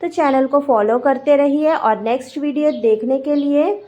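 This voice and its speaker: A woman teaching a language lesson, repeating each short phrase twice in a clear, deliberate way. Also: high voice, mellow, muffled recording.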